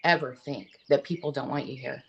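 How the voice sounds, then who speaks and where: A middle-aged woman, a guest in an interview, talking openly and earnestly, often pausing and restarting her sentences. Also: extremely low pitch, fairly even intonation, muffled recording. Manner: earnest, open, halting with restarts. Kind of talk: candid conversational interview.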